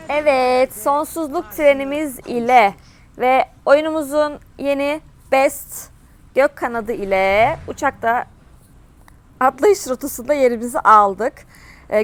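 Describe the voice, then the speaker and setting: A woman with a high voice hosts her own gaming channel, talking viewers through a match in a loose, chatty way. She often bursts out in exasperated complaints and shouts at opponents. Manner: chatty, with frequent exasperated outbursts at the game. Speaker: gaming streamer. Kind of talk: casual gameplay commentary.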